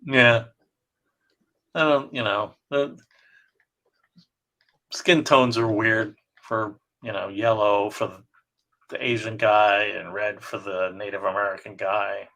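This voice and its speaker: Gravelly, bright-voiced man chatting casually. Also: lowish voice, slow pace, long pauses. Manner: animated, reads comic lines aloud in funny voices. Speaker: co-host touring comic art. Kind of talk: casual chat.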